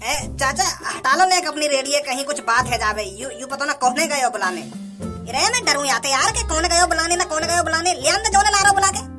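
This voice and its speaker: A woman's voice: sits high, animated, fairly quick. A woman voicing a stubborn old male cart seller who speaks in heavy dialect and stammers. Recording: background music.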